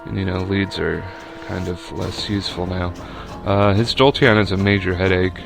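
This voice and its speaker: A man's voice: sits low, steady tone, moderate pace, vocal fry, music in the background. A young man giving casual, rambling commentary over a video game battle, with lots of fillers and restarts.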